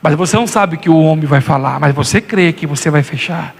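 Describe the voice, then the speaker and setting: A Brazilian man preaching a sermon as pastor, impassioned and swinging into high, acted quotes. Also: fairly quick, gravelly, long reverb tail.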